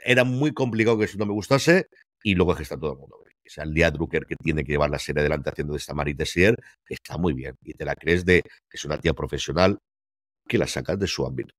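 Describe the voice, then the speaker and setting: Rumbling and low, this Spanish man's voice moves at a quick pace as he co-hosts a casual TV series review chat on a video call from a room at home. He talks emphatically and rattles off rhetorical questions. Through his headset and desk mic the sound has no echo and studio quality.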